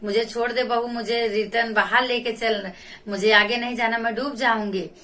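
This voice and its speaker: A woman's voice: on the high side, fairly even intonation, moderate pace, fairly bright tone, lightly acted. A woman voicing a scheming, faithless older mother-in-law in a devotional folk tale, complaining and pleading, heard from far off the mic. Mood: panicked.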